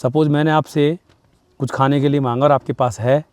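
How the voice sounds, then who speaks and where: A man's voice: on the high side, fairly even intonation, normal speed, darkish tone, no room sound. Emphatic man, dry close sound. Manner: emphatic, acts out little dialogues, mixes in English phrases. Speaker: guest speaker. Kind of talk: conversational advice in a talk show.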